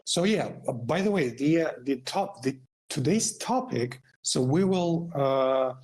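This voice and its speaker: A man hosting a seminar, explaining casually and haltingly, repeating words and checking with "right?". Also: mid-range voice, animated, darkish tone, rough recording. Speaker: seminar host and consultant.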